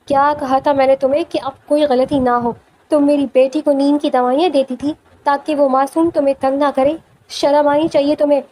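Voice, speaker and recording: A woman's voice: sits high, level tone, dark tone, close to an everyday voice, low-quality recording. A woman voicing a furious young father. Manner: angry, commanding.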